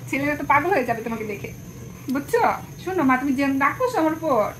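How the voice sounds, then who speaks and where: A woman's voice: sits high, sing-song, fast, fairly bright tone, a little hiss or hum, rough recording. A woman pet vlogger talking in doting baby talk to her cat, cooing and repeating words fondly. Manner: cooing, sing-song, repeats words affectionately.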